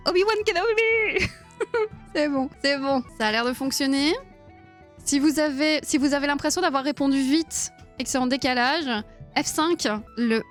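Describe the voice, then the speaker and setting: A woman in her thirties hosting a live quiz stream, chatting playfully with viewers and giggling often. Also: fairly high pitch. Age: 30s. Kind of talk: casual live-stream chat.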